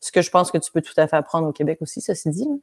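A woman's voice: deep voice, racing, darkish tone. A young woman with a Québécois French accent that carries some traces of France, talking casually as an interview guest, chatty and self-deprecating, with many fillers and restarts. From grew up between France and Quebec.

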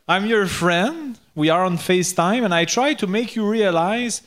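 A French-speaking man with a Quebec French accent, joking casually and searching for words in halting English. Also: sits high, a bit bright.

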